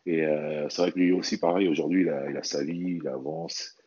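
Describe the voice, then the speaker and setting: An athlete and bodybuilder from French Guiana talks casually and earnestly about himself as an interview guest, often repeating his words as he gives personal testimony. His bass voice is husky and darkish, steady in tone and a little fast. The sound is lo-fi.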